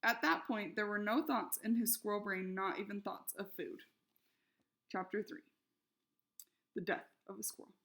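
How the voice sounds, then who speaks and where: A woman reading a children's novel aloud, expressive and lively in the characters' shouted lines. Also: mid-range voice, normal speed, long pauses. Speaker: reader.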